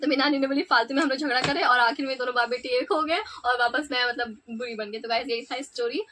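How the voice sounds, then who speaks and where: A young woman vlogger casually telling a family story to camera, animated, acting out quoted lines and filling pauses often. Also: sits high, slight background noise. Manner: animated, acts out quoted lines, many fillers.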